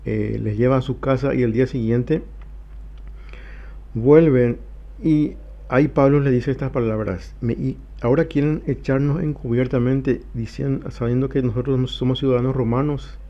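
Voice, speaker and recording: A man leading a church Bible study, reading scripture passages aloud slowly and then explaining them. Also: mid-range voice, steady tone, lo-fi sound. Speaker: pastor.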